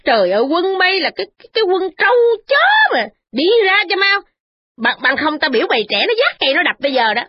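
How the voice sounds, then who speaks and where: A woman voicing a domineering older landlady who berates and shouts. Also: high voice, wildly swooping pitch, fast, no room sound, voice pushed up. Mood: furious. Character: domineering older landlady, quick-tempered, scolding. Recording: dull lo-fi recording.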